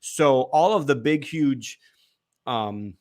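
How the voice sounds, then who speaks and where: A man's voice: medium pitch, animated, slow, a little mellow. A man as an interview guest, rambling casually with many fillers and restarts.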